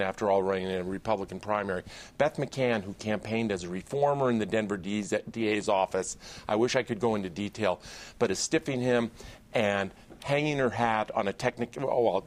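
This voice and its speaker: Low-voiced man speaking deliberately. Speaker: panelist. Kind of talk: political roundtable discussion.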